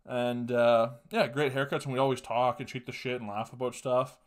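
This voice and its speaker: A young Canadian man hosts a podcast from a small room at home, recorded on a webcam. In a mid-range voice at a moderate pace, he tells rambling, profane comic stories in a casual, animated way.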